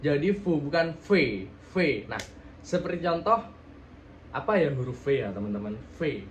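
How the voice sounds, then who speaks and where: A man's voice: a little high, animated, a little hiss or hum. A young man casually demonstrating letter sounds for an articulation exercise, stretching out sample words and adding playful jokes. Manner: drawn-out demonstration sounds, joking asides. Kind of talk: casual tutorial.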